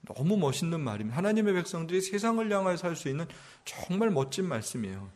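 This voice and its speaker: A man's voice: a little high, big pitch swings, fast talker. A man preaching a sermon as a pastor, talking to his congregation in a conversational way, asking them questions and building up to emphatic passages. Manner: rises to emphatic, louder passages.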